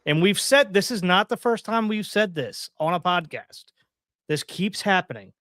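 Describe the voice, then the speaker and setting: A man's voice: sits high, lively intonation, normal speed, a bit bright, dry recording. Frustrated man ranting on a dry mic. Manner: frustrated, swearing, repeats himself for emphasis. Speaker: podcast co-host. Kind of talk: casual sports rant.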